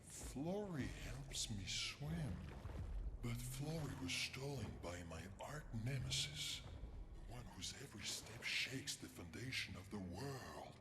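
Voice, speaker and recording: An actor playing a gentle, naive fantasy creature in a video game, speaking with theatrical melodrama. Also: male voice, medium pitch, expressive, measured pace, noisy background, lightly acted. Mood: melodramatic. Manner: theatrical, dramatic emphasis, naive.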